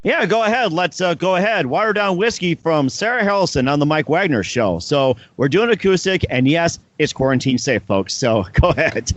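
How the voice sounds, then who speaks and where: A man's voice: a little high, expressive, moderate pace, hardly any pauses, highs cut off. A man hosting a casual radio-style music interview. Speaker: talk show host.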